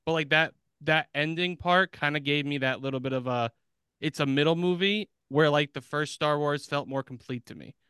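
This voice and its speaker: Bright, smooth-voiced man. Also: on the high side, moderate pace, no room sound. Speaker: podcast co-host. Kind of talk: casual chat.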